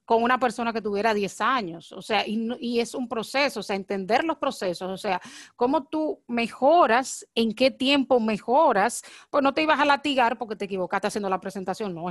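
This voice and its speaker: A married woman, hosting a casual podcast chat and talking very fast and excitably. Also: on the high side, no echo, clean studio sound. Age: adult, married. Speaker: podcast host.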